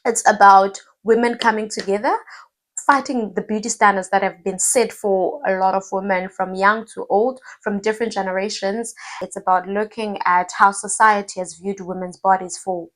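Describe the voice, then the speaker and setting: Animated woman reviewing books. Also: medium pitch, normal speed. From South Africa. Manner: animated and emphatic, repeats words for stress. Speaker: book vlogger. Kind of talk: casual book review.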